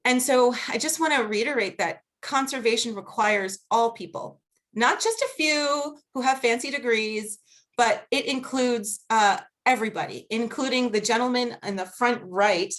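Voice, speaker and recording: A Boston-accented woman with a voice on the high side and a bit bright appears as a guest researcher on a video-call panel. She's earnest and measured in her academic talk and laughs easily during the Q&A.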